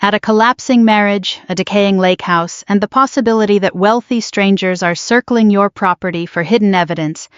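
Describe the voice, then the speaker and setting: A woman in her sixties telling a first-person story as a steady, scripted narrator. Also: mid-range voice, a little fast, hardly any pauses, clear, resonant tone, no room sound. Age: 60s. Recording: dull lo-fi dry voice track.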